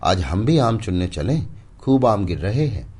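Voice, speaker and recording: A man's voice: on the low side, big pitch swings, a little slow, darkish tone, slightly rough, voice pushed up, full character voice. A man voicing a curious young village boy with an eager, questioning manner.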